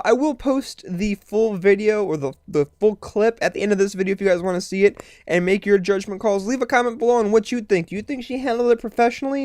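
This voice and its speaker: A blunt online commentator giving casual opinions in a mid-pitched voice. The sound is dry, and the delivery is profane and conversational, with animated asides. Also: smooth, dry recording.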